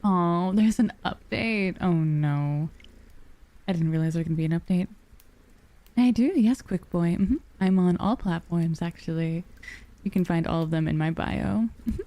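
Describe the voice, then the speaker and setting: A woman livestreamer and VTuber chats casually with her viewers at normal speed, calling them affectionate pet names. Her voice is soft, cozy, and fairly low, with a dark, relaxed tone like someone reading a storybook.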